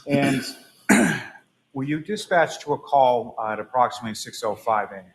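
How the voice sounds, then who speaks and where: A man serving as prosecutor, asking a witness measured, halting questions with frequent pauses and throat clearing, heard through a courtroom recording. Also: medium pitch, poor audio.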